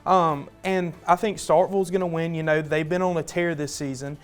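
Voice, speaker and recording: Young guy from doing sports on a student newscast, chatty and upbeat, a bit high, music faint behind. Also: steady tone, normal speed, smooth. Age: young adult. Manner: chatty, upbeat, casual fillers. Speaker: sports anchor.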